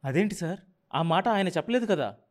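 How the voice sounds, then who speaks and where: A jittery young news editor pleads with his boss in a high, strained voice, as an audiobook narrator puts him on. He sounds anxious and ready to back down. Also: expressive, fairly quick. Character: nervous young male news desk editor.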